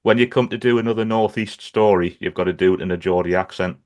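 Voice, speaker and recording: Low-voiced Gateshead man hosting a podcast. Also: fast talker, a little mellow. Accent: Gateshead, North East England. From Gateshead, North East England. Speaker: podcast host. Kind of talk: casual chat.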